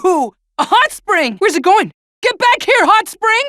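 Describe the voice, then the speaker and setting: An actor playing a cheerful, naive boy angel hero in a video game, earnest and excitable. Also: extremely high pitch, unhurried, full character voice. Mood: excited.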